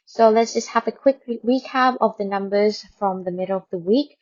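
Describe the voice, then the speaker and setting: This female Thai radio host speaks at a moderate pace in a mid-range, darkish voice over lo-fi sound. Her chat and news update are loose and rambling, with words repeated for emphasis.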